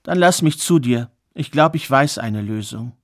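A man voicing a kind, resourceful young woman who speaks gently and reassuringly in a spoken fairy tale. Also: mid-range voice, lively intonation, moderate pace, no echo, studio quality, close to an everyday voice. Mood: kindly.

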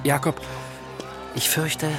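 An actor playing a worn-out brother recovering from captivity, speaking in a tired, earnest way in an audio drama. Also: male voice, slow, natural voice. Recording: music behind.

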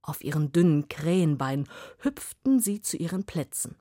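A woman telling a fairy tale aloud, slow and expressive, sometimes dropping to a whisper. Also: deep voice, dry recording, studio quality. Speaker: storyteller.

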